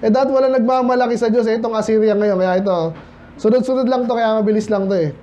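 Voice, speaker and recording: A man's voice: sits high, fairly even intonation, quick pace, warm tone. A Filipino man preaching a midweek Bible study sermon in a conversational way, often asking the congregation questions. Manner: conversational, mixes English into Tagalog, asks the congregation questions. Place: church hall. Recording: dull lo-fi church recording with faint noise.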